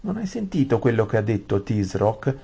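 A man's voice: very animated, normal speed, creaky, warm tone, slightly rough, exaggerated voice. Man putting on a whimpering timid noblewoman. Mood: whiny frightened. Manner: high, tearful whimpering. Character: whiny, timid young noblewoman, easily frightened.

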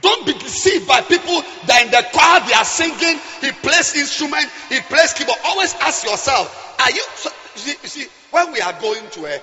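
A man with a West African accent preaching a fiery, animated sermon, emphatic and repetitive, swinging from shouts to hushed asides. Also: very high-pitched, normal speed, hardly any pauses. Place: large indoor church hall. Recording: echoey hall, slightly dull sound.

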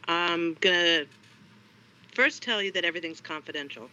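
A woman's voice: lowish voice, normal speed, sharp tone. A woman who works as a sex therapist, calling into a radio show on a buzzy, glitchy line that keeps breaking up, answering in short, matter-of-fact statements. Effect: buzzy, glitchy call audio that breaks up. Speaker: sex therapist and social worker. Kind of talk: guest on a radio call-in show. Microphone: remote call connection. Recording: muffled call line, faint hiss.

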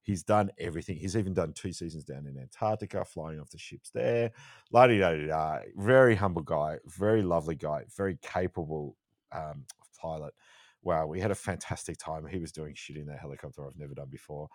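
A man's voice: a bass voice, brisk, a little mellow, dry recording, studio quality. A man with an Australian accent, co-hosting a podcast and telling a travel story in a chatty, jokey way. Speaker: podcast co-host. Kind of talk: casual chat.

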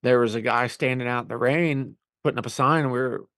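Gravelly man in his forties, plainspoken. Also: medium pitch, steady tone, quick pace, a bit bright, no room sound, studio quality. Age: 40s. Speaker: podcast co-host. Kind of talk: casual conversation.

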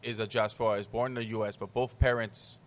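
A podcast guest from Hispaniola talks casually and fast in a lowish voice with little pitch movement. He explains things at length in rambling fashion, peppering everything with "like".

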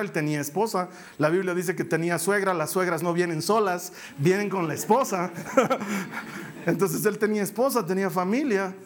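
A man preaching a sermon, telling the story with animated delivery, acting out voices and joking with the congregation. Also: high-pitched.

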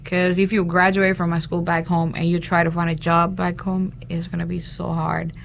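Gravelly young woman from Honduras. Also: lowish voice, little pitch movement, moderate pace, a little hiss or hum. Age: young adult. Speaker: interview guest, international student. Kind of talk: casual interview chat.

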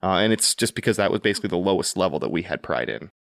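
A man with a deep, low voice speaks in an earnest, reflective way, often restarting his sentences. He sounds dry and close, like a podcast host at the mic. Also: animated, rapid-fire, vocal fry, a bit bright, no echo. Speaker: podcast host, Army veteran. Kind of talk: casual conversational interview.

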